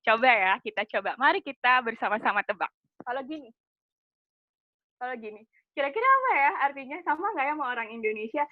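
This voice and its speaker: A woman's voice: high-pitched, big pitch swings, fast, no room sound. Chatty woman giving a webinar lesson. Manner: chatty, asks the audience questions, laughs at own jokes. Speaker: webinar presenter on Japanese culture. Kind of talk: casual lecture with slides. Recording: dry, slightly dull webinar audio.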